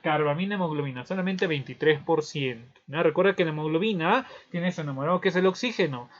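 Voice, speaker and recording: High-voiced playful male teacher. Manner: playful storytelling, frequent tag questions. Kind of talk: physiology review lecture. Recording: dull lo-fi recording.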